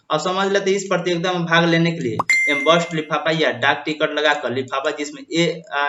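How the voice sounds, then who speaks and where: A man's voice: on the high side, bright, forceful tone. A man hosting an explainer video, reading out an official notice and restating each point with fillers and restarts. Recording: echoey room, dull lo-fi sound.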